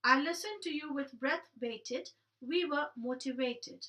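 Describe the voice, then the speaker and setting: A woman with a high, sharply bright voice recites rhyming comic verse. Her delivery is theatrical and mock-indignant, and she stresses every rhyme. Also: a little slow, distant mic.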